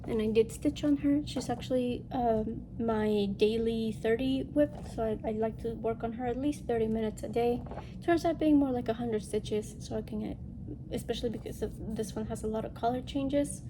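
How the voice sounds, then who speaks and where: The host of a cross-stitch video channel chats informally with viewers, rambling through a craft show-and-tell. Getting over a respiratory illness, she has a highish, nasal, congested voice, and clear background noise can be heard.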